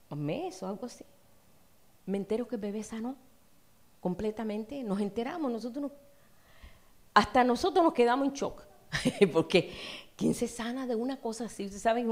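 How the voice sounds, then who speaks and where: An older woman preaching a sermon, telling stories and acting out the dialogue. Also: medium pitch. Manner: animated storytelling, acting out dialogue in her talk.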